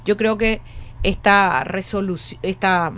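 This woman, in her late forties, has a Paraguayan Spanish accent and a mid-range, slightly bright voice with fairly even intonation and a slow pace. She is an education academic appearing as a guest in a conversational interview. She speaks earnestly, repeating and restarting phrases as she thinks aloud.

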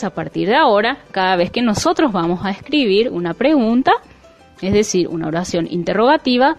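A woman teaching a language lesson, explaining slowly and clearly, with faint music behind her. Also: mid-range voice. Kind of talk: classroom lesson.

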